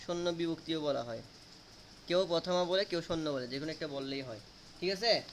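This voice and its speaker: A man's voice: on the high side, brisk, a little hiss or hum. A man teaching a grammar lesson, asking students questions and repeating answers to drill them.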